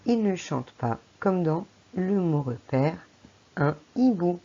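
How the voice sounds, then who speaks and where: A woman's voice: lowish voice, lively intonation, takes it slowly, dark tone, muffled recording. A French woman teacher giving a patient phonics lesson to a young child, speaking to the child directly. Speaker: primary school teacher.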